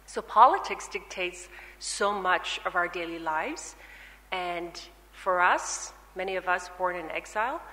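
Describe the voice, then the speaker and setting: A woman from Nepal answering on a panel in a measured, emphatic way. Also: lowish voice, pushed and bright. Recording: echoey hall.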